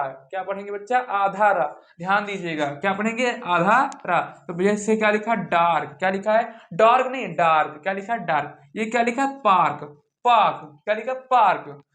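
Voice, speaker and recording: A teacher giving a classroom lesson on pronunciation rules. The teacher asks questions, answers them, and repeats words slowly to show how they sound. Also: medium pitch, fairly bright tone. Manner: drills by asking questions and answering them itself. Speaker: English teacher. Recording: echoey room.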